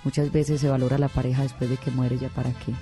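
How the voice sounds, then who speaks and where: A woman's voice: rumbling low, level tone, quick pace, music in the background. A middle-aged woman, a singer, telling personal stories earnestly in an interview. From Colombia. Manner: earnest, emotional storytelling with many restarts. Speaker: guest singer.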